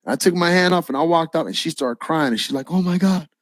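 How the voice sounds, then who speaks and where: Man, preacher's testimony, animated storytelling, fairly high voice, very dry close sound. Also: fast talker, no echo. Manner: animated storyteller acting out dialogue, casual with "man". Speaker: preacher sharing his testimony. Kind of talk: spoken personal testimony.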